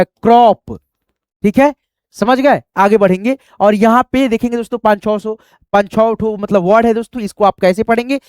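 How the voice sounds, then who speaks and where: A man's voice: very high voice, darkish tone, clear, resonant tone, no echo, clean studio sound. A man teaching English pronunciation in a patient, repetitive way, spelling words out letter by letter and often addressing his listeners as friends. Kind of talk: spoken lesson.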